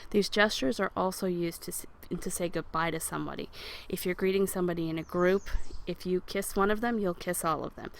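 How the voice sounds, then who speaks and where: Woman teacher, low and gravelly, patient, models words for repetition. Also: fairly quick, a little hiss or hum. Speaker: French teacher. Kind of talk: recorded language lesson over slides.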